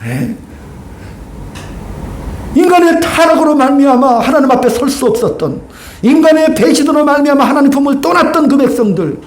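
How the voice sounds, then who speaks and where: A man's voice: very high voice, moderate pace, pauses often, a little hiss or hum. A male pastor preaching a sermon, acting out dialogue and asking the congregation questions. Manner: animated, acts out dialogue, asks the congregation questions. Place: church sanctuary.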